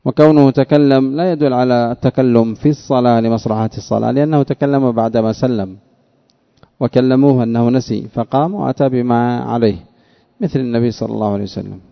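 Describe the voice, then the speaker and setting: Man teaching in a measured lesson voice. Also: medium pitch, gravelly, muffled recording. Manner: measured, asks questions then answers them himself. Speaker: religious teacher. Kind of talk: reading a text aloud and explaining it.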